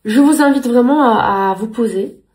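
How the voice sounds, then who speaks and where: At home in front of the camera, a woman in her thirties whose first language is Spanish vlogs casually at a moderate pace. Her slightly high, somewhat mellow voice is earnest, and she repeats words as she gropes for phrasing.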